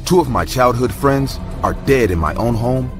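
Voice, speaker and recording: A man giving a measured, dramatic scripted narration of a horror story. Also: medium pitch, lively intonation. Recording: narration over loud music.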